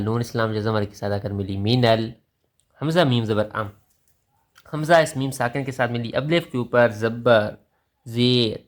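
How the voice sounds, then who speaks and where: Pakistani man teaching Quran recitation. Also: medium pitch. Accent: Pakistani Urdu. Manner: patient, spells each letter with its vowel mark, then chants the verse slowly. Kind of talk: tajweed lesson, spelling out and reciting verses.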